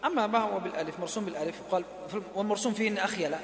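A man with a high voice gives a patient lecture on recitation rules. Now and then he chants the examples. His voice rings out in a roomy hall with a long reverb tail. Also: racing. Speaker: Quran recitation teacher.

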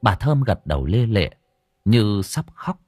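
A man's voice: on the low side, unhurried, husky, no room sound, soft background music. A man narrating a horror folk tale as an audiobook storyteller, close to the mic. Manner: expressive storytelling.

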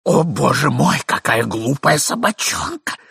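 A cowardly gentleman whines in panic, a man acting him out. The voice is gravelly and husky, and it rises and falls widely, like a storybook reading. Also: mid-range voice, big pitch swings, unhurried, dry recording, clean studio sound, full character voice. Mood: panicky whining. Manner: whining complaints. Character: cowardly middle-aged gentleman, whining and panicky.

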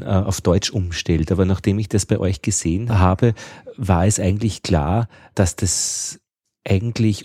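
A man's voice: fairly low pitch, mellow, dry recording, studio quality. A man interviewing a guest, asking conversational, probing questions.

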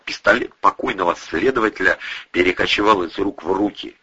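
A man narrating an audiobook in a lively, expressive reading style. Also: sits low, a little fast, breathy edge, muffled recording.

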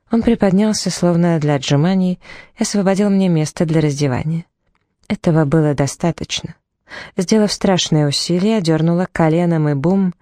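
A woman's voice: lowish voice, dark tone, dry recording. Woman narrating a novel, dry sound. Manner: dramatic, voicing dialogue in the telling. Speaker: audiobook reader. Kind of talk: first-person novel narration.

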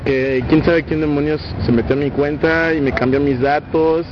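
A man's voice: a little high, fairly even intonation, normal speed. A man with a Mexican accent co-hosting a casual podcast, talking through news with plenty of "este" and "pues" fillers, recorded outdoors in a park. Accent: Mexican Spanish. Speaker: podcast co-host reading news. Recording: dull lo-fi sound with loud traffic noise outdoors.

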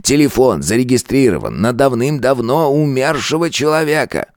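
A man with a medium-pitched voice and lively intonation speaks at a normal speed, recorded cleanly in a studio with no echo. He pitches above his natural voice in a light performance of a stern, sarcastic older husband. He sounds exasperated, curt, cold and mocking.

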